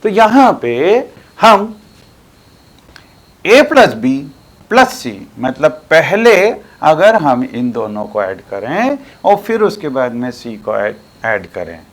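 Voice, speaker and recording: A man's voice: mid-range voice, very animated, slow pace. An older man with an Indian accent teaching a classroom maths lesson, explaining patiently with emphatic stresses.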